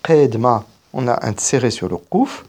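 A man's voice: mid-range voice, big pitch swings, measured pace, a little mellow. A man giving a spoken grammar lesson, explaining each rule step by step and stopping now and then to correct himself. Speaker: teacher of biblical Hebrew grammar.

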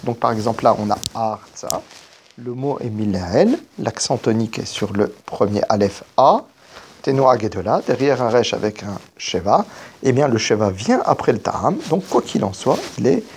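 Lively-voiced man teaching grammar. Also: mid-range voice, breathy edge. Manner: methodical explaining, stops to correct himself. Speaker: teacher of biblical Hebrew grammar. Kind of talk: spoken grammar lesson.

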